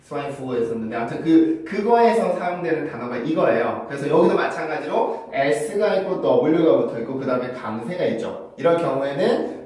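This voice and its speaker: A man teaching English pronunciation in an online lesson, repeating model words slowly in drills. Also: a little high, animated, a little mellow, heavy reverb, recorded from a distance, poor audio. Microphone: lavalier or shotgun mic on phone camera.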